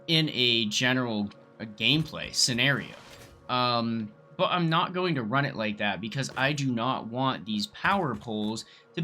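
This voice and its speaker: A young man hosts a let's play in a medium-pitched, sharp-toned voice, with slight background noise. His gameplay commentary is casual and enthusiastic, a little rambling, with occasional swearing.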